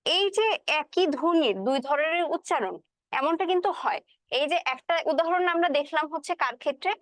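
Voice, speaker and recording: A woman teacher with a high voice explains a lesson step by step and keeps checking that her students follow. She mixes English words into her speech. The recording is dry and close, with no room echo. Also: animated, a little fast, a bit bright. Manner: spoken with English words mixed in. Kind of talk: classroom lecture.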